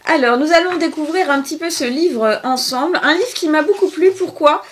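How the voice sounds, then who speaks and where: A woman presents a children's book in a relaxed, chatty way, often pausing on fillers. Her voice sits fairly high and friendly. She talks straight to parents and children. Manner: chatty, hesitant with many fillers. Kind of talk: casual book review.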